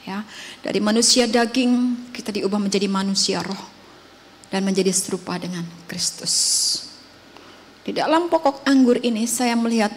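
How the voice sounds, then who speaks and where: A woman preacher giving a conversational sermon, moving between emphatic and hushed delivery. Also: mid-range voice, slight background noise. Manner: conversational testimony, shifting between loud emphatic and soft hushed.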